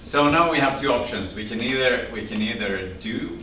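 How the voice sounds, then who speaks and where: Speaking at a normal speed with a mid-range voice, this man from Norway, in his fifties and with a Norwegian accent, tells a lively personal story to a small group, acting out family dialogue and gesturing. The setting is a classroom-sized meeting room with a projector screen. The audio comes from a far-off camera with no mic in sight, leaving it echoey and humming.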